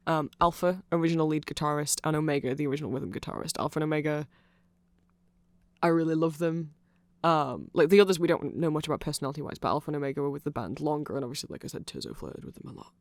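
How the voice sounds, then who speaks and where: Talking fast on a dry recording, a medium-pitched host explains band lore directly to the listener. The casual ASMR delivery wanders, geeky and talkative, with plenty of self-correction, much like an enthusiastic fan would.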